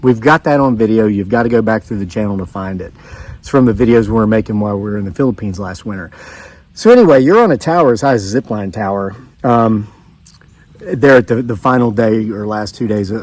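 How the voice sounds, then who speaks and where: A man's voice: medium pitch, a little mellow. A man of fifty telling a rambling personal story in a casual, conversational way, with frequent asides to his viewers. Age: 50s. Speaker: channel host. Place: outdoors.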